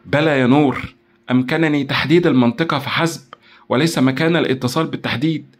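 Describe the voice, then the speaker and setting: A man's voice: medium pitch, fast talker, pitched above the performer's own voice, natural voice. A man playing a female technical specialist in an audio drama, speaking urgently and with strain. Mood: tense.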